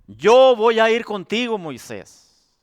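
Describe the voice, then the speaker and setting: A preacher voicing God as a solemn, commanding male deity in a grave, lowered voice during a sermon. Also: sing-song, takes it slowly, no room sound, full character voice.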